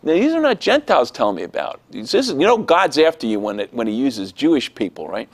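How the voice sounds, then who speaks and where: A man telling a personal testimony in an interview, animated and acting out the voices of people he quotes. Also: medium pitch, fast talker.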